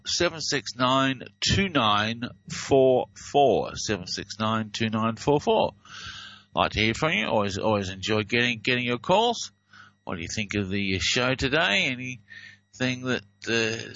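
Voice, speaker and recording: A man's voice: mid-range voice, sharp tone, dry recording, highs cut off. A man hosting a talk radio show in an easygoing, chatty manner, reading out a call-in number and inviting listeners to phone in. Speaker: radio host.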